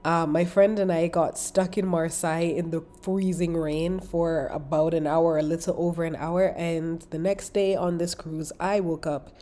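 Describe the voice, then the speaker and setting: A mellow Caribbean woman, congested and sniffly from a cold, hosts a casual spiritual podcast from a London apartment near a busy road. Her voice is lowish with fairly even intonation, and she talks at a normal speed with hardly any pauses, sounding affectionate, motivational, and conversational.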